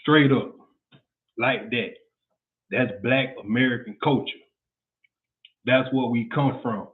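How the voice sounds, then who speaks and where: A man with a Southern accent, talking bluntly and casually as a podcast host, his voice at an ordinary middle pitch. The sound is thin and tinny, like a phone line. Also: takes it slowly. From Central Florida, US South. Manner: blunt, profane, frequent "you know what I'm saying".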